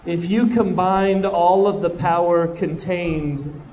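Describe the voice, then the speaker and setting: A man preaching a sermon in short, emphatic phrases, pausing for an interpreter. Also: high voice, fairly even intonation, a little mellow. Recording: echoey hall with faint noise.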